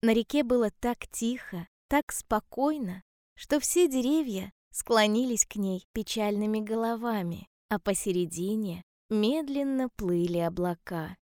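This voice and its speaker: A woman telling a children's story in a calm, gentle and measured way. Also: medium pitch, dry recording, clean studio sound.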